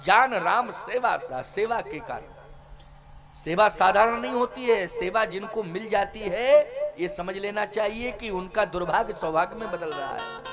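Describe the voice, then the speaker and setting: A man's voice: high-pitched, lively intonation, measured pace, over music. A man preaching a devotional Ram katha sermon at a religious gathering, breaking into sung verses and asking his listeners rhetorical questions. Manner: asks the audience rhetorical questions.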